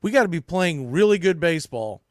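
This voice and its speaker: A man with a fairly high voice hosts a sports podcast, sounding expressive and brisk as he puts strong emphasis behind his opinions in casual commentary style. The recording is close and dry with no echo.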